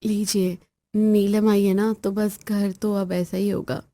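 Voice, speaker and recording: A woman's voice: medium pitch, flat delivery, takes it slowly, mellow, no echo. A woman voicing an elder daughter-in-law who speaks with weary sarcasm and confides in her sister-in-law. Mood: weary sarcastic.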